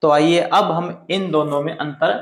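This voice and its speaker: A man teaches a Hindi grammar lesson in a slow, careful way, stretching out each vowel as he demonstrates it. His voice sits a little high. The recording has the hollow ring of an echoey room. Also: fairly even intonation. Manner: deliberate, drawn-out sounding of vowels.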